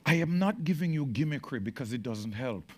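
A man preaching a sermon to his congregation. He jumps between loud, emphatic bursts and quiet asides, often restarts his phrases with repeated words, and asks the room questions. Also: medium pitch, lively intonation, fairly quick. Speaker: pastor. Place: church meeting room with congregation.

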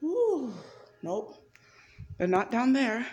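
Her voice a little high and a little mellow, a young woman playfully films hide-and-seek on a handheld phone as she walks through an empty house. She draws out words with big pitch swings in a teasing, sing-song manner, and the casual vlog has lo-fi sound.

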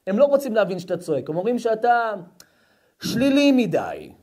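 A man giving an impassioned sermon as a rabbi, addressing the crowd directly and swinging between shouting and hushed sarcasm. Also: high-pitched, wildly swooping pitch. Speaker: rabbi giving a public lecture.

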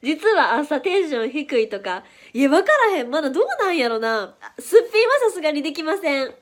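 High-voiced chatty Kansai woman. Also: sing-song. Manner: chatty, playful, quick to react. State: stuffy nose from hay fever. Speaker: idol livestream host. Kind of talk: casual livestream chat reading viewer comments.

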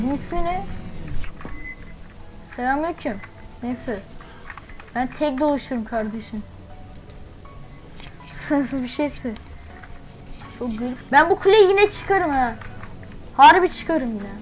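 A woman commenting on her gameplay as she plays, chatty and thinking aloud, with quick startled exclamations. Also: sits high, faint music behind, low-quality recording. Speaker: gaming channel host.

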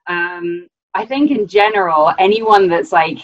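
Unhurried and on the low side, a British woman in her twenties who works as a ski coach chats casually over a video call. She laughs frequently and uses lots of "um" and "like," heard through dull, lo-fi audio without room sound.

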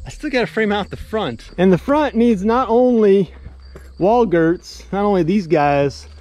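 A man in his thirties chatting casually to the camera while framing a barn outdoors, thinking out loud in a rambling, laid-back way. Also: high-pitched, expressive, unhurried, no room sound. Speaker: builder vlogger. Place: outdoors at a barn construction site. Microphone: action camera, sometimes head-mounted.

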